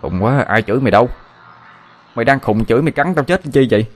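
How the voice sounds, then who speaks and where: A man's voice: medium pitch, lively intonation, fast talker, pitched above the performer's own voice, close to an everyday voice. A man voicing a blunt, grumpy young male student, talking dismissively. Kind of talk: audiobook character voice.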